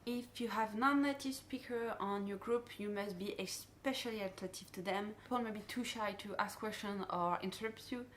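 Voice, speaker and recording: A woman's voice: mid-range voice, moderate pace, hardly any pauses, fairly bright tone, a little hiss or hum. French-accented woman giving a dive safety briefing. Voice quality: non-native English phrasing. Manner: explanatory safety briefing delivery, addressing divers directly. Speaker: dive guide and instructor. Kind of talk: instructional dive briefing talk.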